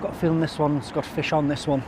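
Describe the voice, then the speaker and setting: A man's voice: on the high side, little pitch movement, quick pace. A man chatting casually to camera while fishing outdoors on a windy riverbank, full of jokey, self-mocking asides. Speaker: angling vlogger. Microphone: camera on a stand, at times stepping away.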